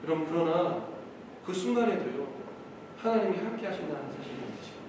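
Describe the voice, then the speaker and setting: A man's voice: on the high side, big pitch swings, quick pace. A man preaching a sermon as a pastor, earnest and addressing the congregation directly. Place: church sanctuary. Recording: echoey church hall from far off, faint noise.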